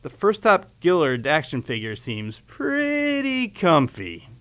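A man's voice: a little high, huge pitch swings, takes it slowly, fairly bright tone, exaggerated voice. A man voicing a nervous, fussy male junior engineer who fusses over details. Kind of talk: radio comedy sketch acting.

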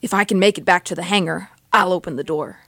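A woman's voice: on the low side, fast talker, vocal fry, fairly bright tone, no room sound, studio quality. A woman playing a matter-of-fact space crew member. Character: level-headed female space crew member.

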